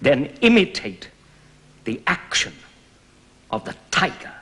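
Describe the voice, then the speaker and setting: A man's voice: on the high side, big pitch swings, slow pace, pushed and bright, heavily acted. An actor declaiming Shakespearean verse as a king rallying his soldiers, stretching the lines out with heavy stresses. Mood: rousing.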